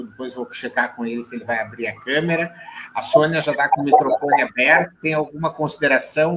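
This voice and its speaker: Dude hosting a live stream, asks the questions, brings people in, call mic, bit of faint noise. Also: male voice, mid-range voice, a bit bright. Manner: poses questions and introduces participants. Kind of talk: hosting a live online talk.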